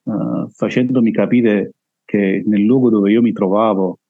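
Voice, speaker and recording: A man with a Neapolitan accent and a heavy, full voice gives a halting personal testimony as an interview guest. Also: fairly low pitch, fairly even intonation, breathy edge, no echo, phone-quality sound.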